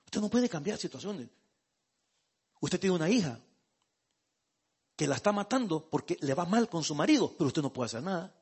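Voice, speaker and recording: A man's voice: on the high side, very animated, moderate pace, pauses often, darkish tone, breathy edge. A male pastor preaching a sermon. He talks conversationally, calls listeners brother, and builds to emphatic outbursts.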